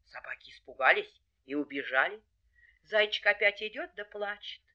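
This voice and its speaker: A woman reading a folk fairy tale aloud in a lively, sing-song storytelling manner. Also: mid-range voice, normal speed, muffled recording.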